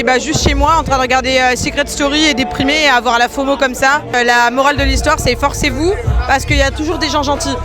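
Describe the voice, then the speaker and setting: High-voiced tipsy young woman at a party. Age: 20s. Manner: chatty, slangy and self-mocking. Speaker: vlogger. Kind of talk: casual vlog chat to camera. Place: outdoor party boat. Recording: loud party music and crowd noise.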